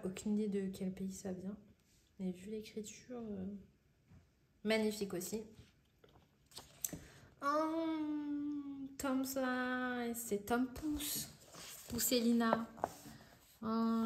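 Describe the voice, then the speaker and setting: A woman's voice: mid-range voice, darkish tone, echoey room, a little hiss or hum. A woman from France chatting casually through an unboxing, thinking aloud with lots of fillers. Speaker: vlogger.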